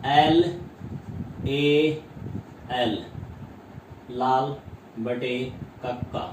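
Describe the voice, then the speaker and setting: A man with a Hindi accent teaches maths in a slightly high voice, asking rhetorical questions and repeating each term. He is heard from far off in an echoey room, with faint room hum behind him. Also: darkish tone. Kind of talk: classroom lesson.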